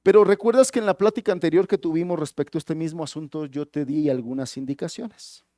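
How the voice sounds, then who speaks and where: A man voicing a pastor who questions a troubled man calmly and softly. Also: a little high, brisk, dry recording, studio quality, lightly acted. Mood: calm probing. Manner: calm, questioning, soft-spoken. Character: calm, probing male pastor counseling.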